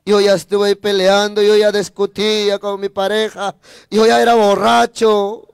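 A man's voice: high-pitched, flat delivery, unhurried, vocal fry, clear, resonant tone, dry recording, studio quality. A man giving a fervent sermon testimony as an evangelist preacher, repeating phrases, breaking in with praise, and speaking straight to his listeners. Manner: addresses listeners directly.

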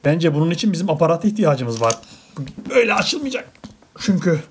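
Seated indoors at a table, a woman hosts a toy unboxing as a parent, chatting casually with a child and viewers in a playfully exasperated way. Her low voice is sing-song and a little fast. The home recording is clearly noisy, with clicks.

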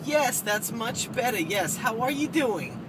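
A man's voice: big pitch swings, unhurried, heavily acted. Man putting on a flustered, condescending older woman. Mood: sweetly flustered. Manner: interrupting, calls listener sweetheart and honey. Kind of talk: improvised prank phone call. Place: inside a parked car. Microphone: camera across the front seat. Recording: noisy car interior, vehicle rumble.

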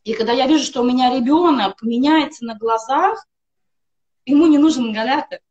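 Her voice is high, brisk and a little mellow, and the sound is lo-fi. A middle-aged woman calls into a live stream by video from home, earnestly sharing her personal story about a wellness product and heaping up emphatic lists.

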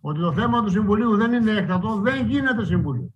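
Male council chair, high-pitched, insistent, repeats orders; muffled chamber audio. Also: expressive. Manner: insistent, repeats commands, raises voice when interrupted. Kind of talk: heated council meeting debate. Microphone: desk microphone.

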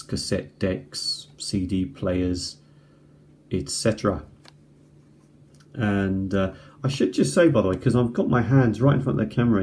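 Seated indoors at a kitchen table, a middle-aged amateur cassette tape reviewer gives a casual, unscripted hands-on review, unhurried and rambling, in a fairly low, mellow voice. A tablet's built-in mic at close range picks him up, with home noise and clicks.

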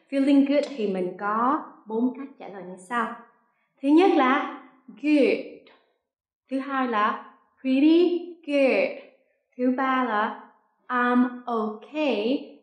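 A woman from Vietnam teaches English online, sounding out each phrase slowly and clearly. Her voice sits a little high and her pace is unhurried. The room adds a noticeable echo. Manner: slow, clearly sounded-out drills with cheerful praise. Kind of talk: online language lesson. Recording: echoey room.

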